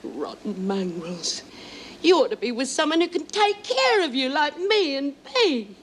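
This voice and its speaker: An actress with an Australian accent playing a warm-hearted, blunt old woman prisoner who uses homely slang, in a television drama. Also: sits high, very animated, moderate pace, a little hiss or hum. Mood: comforting. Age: older. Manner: homely, comforting, salty slang. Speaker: prison inmate. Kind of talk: 1970s TV drama acting.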